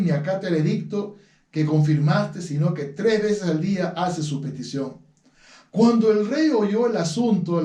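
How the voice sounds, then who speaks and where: A man's voice: high voice, warm tone. A man preaching a sermon, reading scripture aloud and then explaining it with frequent tag questions. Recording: roomy, echoey sound from a distant mic.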